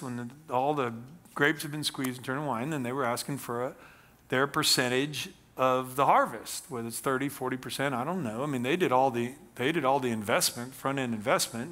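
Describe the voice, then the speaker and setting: A middle-aged man preaching on a church stage, reading scripture and explaining it with animated emphasis. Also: mid-range voice, a little fast. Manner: animated, gesturing, reads scripture aloud then explains. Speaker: pastor. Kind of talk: sermon.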